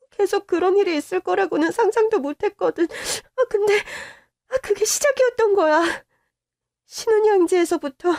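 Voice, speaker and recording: A woman tells a first-person story in a subdued, confiding tone. Her voice is high. The sound is dry and close, with no room. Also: creaky, darkish tone, no echo. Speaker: story narrator.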